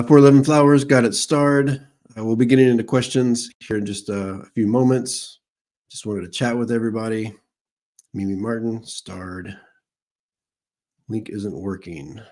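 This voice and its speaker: A man with a low, mellow voice hosts a relaxed live stream as a psychic medium. He talks in a loose, rambling way, greeting viewers by name and chatting before he takes questions. He speaks into a streaming microphone.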